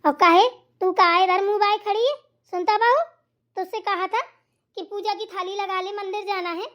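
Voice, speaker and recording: Brief: scolding elderly cartoon mother-in-law, lowered but still high voice, slow drawn-out threats, put on by a woman. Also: level tone, a bit bright.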